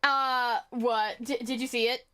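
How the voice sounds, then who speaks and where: Woman, streamer, casual rambling chat, stutters, nervous, high-pitched, bright tone. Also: a little slow. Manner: rambling, stuttering, animated rant.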